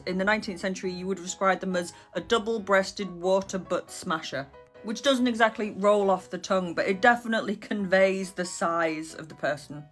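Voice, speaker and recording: A woman's voice: mid-range voice, a bit bright. A woman casually explaining old slang to camera, with dry, sarcastic asides and the odd swear word. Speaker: history content creator. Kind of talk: casual educational talk to camera.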